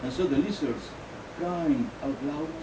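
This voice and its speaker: Speaking slowly with a medium-pitched, expressive voice, a male poet performs his own poems and adds informal asides at an indoor live event. The off-mic recording comes across as roomy, distant, dull, and noisy.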